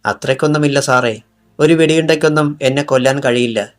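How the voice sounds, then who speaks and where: A man reading the part of a calm, brave young man wounded by a bullet, in an audiobook. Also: medium pitch, brisk, faint music behind, natural voice.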